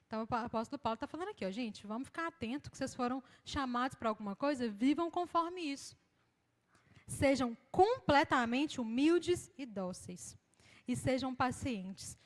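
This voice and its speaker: A Brazilian woman minister preaching a sermon in a lively, conversational way, acting out the people she quotes. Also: high voice, moderate pace. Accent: Brazilian Portuguese. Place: church hall. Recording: long hall reverb.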